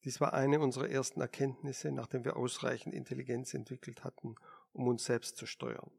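A man reading an unyielding machine intelligence in an audiobook, speaking in a measured, quietly firm way. The voice carries a gravelly fry. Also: mid-range voice, flat delivery. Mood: calm.

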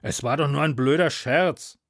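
A man's voice: a little high, moderate pace, fairly bright tone, no room sound, studio quality. A man voicing a joking young male meteorologist with a laid-back, chummy manner.

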